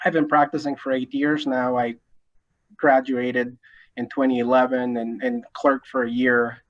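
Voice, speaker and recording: A man in his thirties, a native Spanish speaker from Mexico with a Mexican Spanish accent, gives a friendly self-introduction as an attorney and panelist, restarting often. His mid-range voice holds a level tone at a slightly slow pace, and the recording sounds lo-fi.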